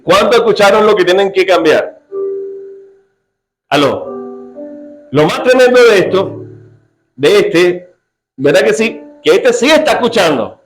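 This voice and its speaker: Male pastor, slightly high voice, playful sermon delivery with faint music behind. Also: poor audio. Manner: lively, joking preacher who quizzes his congregation. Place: church.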